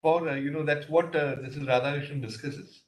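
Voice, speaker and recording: A man's voice: a little high, steady tone, brisk. A man with an Indian English accent questions counsel from the bench, hesitant and full of fillers. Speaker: judge on the bench. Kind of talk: courtroom questioning. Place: courtroom. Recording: echoey courtroom audio.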